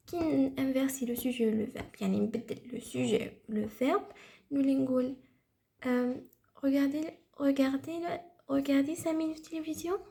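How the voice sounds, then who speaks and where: A young woman with an Algerian Arabic accent teaches a casual French exam review, explaining patiently and repeating key terms. Her voice is a little high with a dark tone and some vocal fry.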